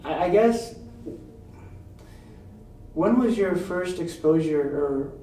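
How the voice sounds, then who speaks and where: A podcast host asks questions in a relaxed, encouraging way, often backing the guest up with small replies. The voice is mellow and mid-pitched, recorded from a distance with a roomy ring and faint noise behind. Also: slow. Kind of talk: casual interview. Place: outdoors on a windy day.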